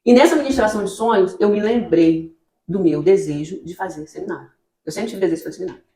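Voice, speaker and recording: A woman's voice: on the low side, quick pace, mellow, echoey room. A Brazilian woman pastor telling her testimony in an interview, acting out her own dialogue as she tells the story. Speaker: pastor, children's ministry leader. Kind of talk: testimony in a church podcast interview.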